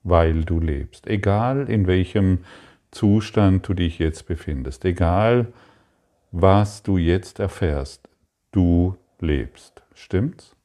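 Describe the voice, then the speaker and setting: A man giving a spoken spiritual lesson, calm and repetitive, addressing the listener directly. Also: sits low, slow. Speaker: spiritual teacher.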